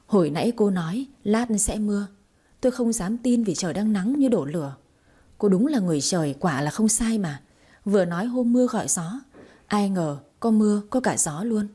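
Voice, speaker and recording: A woman's voice: medium pitch, lively intonation, moderate pace, mellow, breathy edge. A woman reading an awed, effusive old-time mandarin. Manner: deferential, effusive. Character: awed middle-aged male district mandarin.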